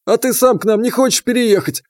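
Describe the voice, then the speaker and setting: A man's voice: extremely high pitch, fairly quick, dry recording, clean studio sound, pitched above the performer's own voice. A man voicing a hearty, commanding old great-grandfather in an audiobook. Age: older.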